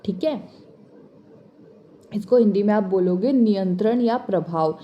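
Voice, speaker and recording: A woman teaching commerce in a bilingual exam-prep lecture, reading English lines slowly and then explaining quickly, often stopping to check that her students follow. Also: medium pitch, lo-fi sound, a little hiss or hum. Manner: repeats points with frequent check-ins.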